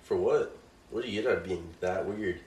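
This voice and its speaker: A man's voice: sits low, normal speed, a little mellow. A young man telling stories in a rambling, slangy, laid-back way while he cooks at home. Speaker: vlogger. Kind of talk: casual storytelling. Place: home kitchen, cooking. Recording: roomy kitchen with faint frying sizzle.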